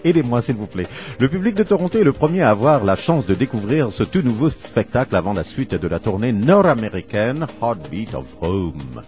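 Playful, animated male radio host. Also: medium pitch, moderate pace, faint music behind. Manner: playful and theatrical, echoes his own words, laughs often. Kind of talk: lively community radio hosting.

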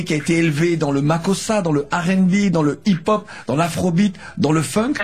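A man's voice: fairly high pitch, a little mellow, slightly rough. A man hosting a radio music interview, phrasing his questions with frequent hesitations. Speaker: radio host.

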